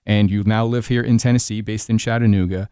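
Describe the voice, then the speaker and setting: A man's voice: on the low side, steady tone, fairly quick, mellow, clear, resonant tone, no echo. A man hosting a radio interview in the studio, introducing and questioning his guest with an upbeat, eager manner. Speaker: radio host.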